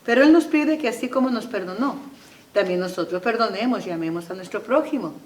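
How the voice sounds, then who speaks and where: A woman preaching a sermon with passion, swelling to loud emphatic peaks and slipping English phrases into her talk. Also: mid-range voice, animated, brisk, a little hiss or hum. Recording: echoey room, voice from far off.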